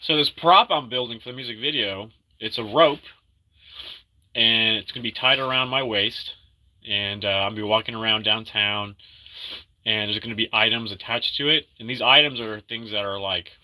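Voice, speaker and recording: A man's voice: lowish voice, normal speed, pushed and bright, poor audio. An American man hosting a casual livestream, rambling in upbeat slang and repeating short phrases over and over. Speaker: livestream host.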